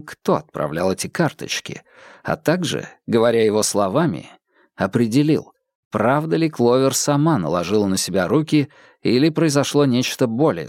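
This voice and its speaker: A man voicing a cool, measured male detective in an audiobook, calm and curt. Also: mid-range voice, no room sound, clean studio sound.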